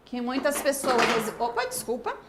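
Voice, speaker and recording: A woman teacher from Brazil giving an online grammar lesson, dictating words slowly and asking the class questions. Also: sits high, big pitch swings, very noisy. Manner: slow, drawn-out word-by-word dictation.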